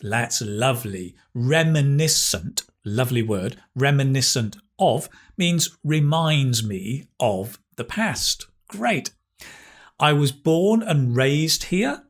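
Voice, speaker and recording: A man's voice: medium pitch, animated. A man with a mid-range voice working as an English teacher over a video call. He is cheerful and encouraging, and he drops his pace to spell out each useful phrase with care. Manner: upbeat, praising, explains slowly with emphasis. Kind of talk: interview then language analysis.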